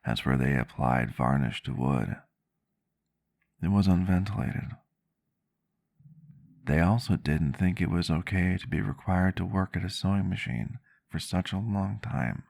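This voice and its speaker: In an ASMR roleplay, a man voices a reflective vampire doctor, telling the character's story gently in measured, slightly antique phrasing. His voice sits very low, with heavy vocal fry running through it.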